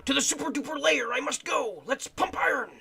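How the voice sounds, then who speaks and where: A man's voice: very high-pitched, brisk, creaky, sharp tone, voice pushed up, exaggerated voice. Man hamming up a bombastic zombie hero. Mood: heroic. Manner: bombastic, declaiming. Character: boastful heroic male zombie leader.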